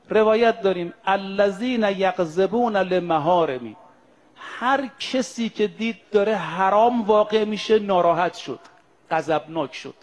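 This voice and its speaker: A male preacher giving a sermon to pilgrims, slowing to chant Arabic quotations and then explaining them in plain speech while addressing the brothers and sisters before him. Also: high-pitched.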